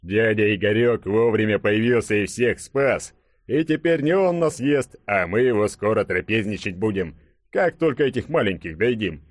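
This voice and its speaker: A man reading an audiobook, voicing a brash burly young man who boasts and jokes loudly. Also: on the low side, lively intonation, moderate pace, no room sound, clean studio sound. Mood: boastful joking. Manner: loud, swaggering, joking. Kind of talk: audiobook character voice.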